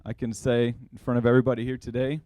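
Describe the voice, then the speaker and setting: A young man with a mid-range voice gives a sincere wedding toast for his younger brother. He speaks earnestly and warmly to the couple. The sound is dry and close. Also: medium pitch, level tone, very fast, no room sound, dull audio. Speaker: older brother of the groom giving a toast.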